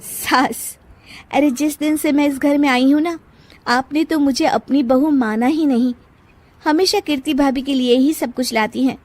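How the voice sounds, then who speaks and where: A woman voicing a sharp-tongued young wife who argues back in shrill, combative retorts, for a cartoon. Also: measured pace, faint music behind. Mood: defiant.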